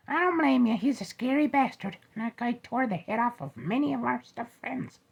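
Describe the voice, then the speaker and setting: A man's voice: lively intonation, moderate pace, creaky, slightly rough, muffled recording, full character voice. A man voicing a small, cocky, crude male teddy bear in an old-time radio style comedy. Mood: teasing. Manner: boastful, lewd, squealing high.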